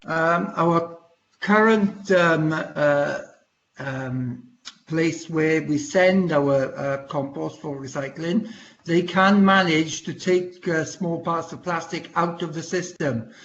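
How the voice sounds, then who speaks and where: A man answering a question in an online council meeting, halting and full of ums, his video call audio glitching and breaking up. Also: fairly high pitch, fairly bright tone. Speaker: council deputy leader. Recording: muffled call audio with faint hiss.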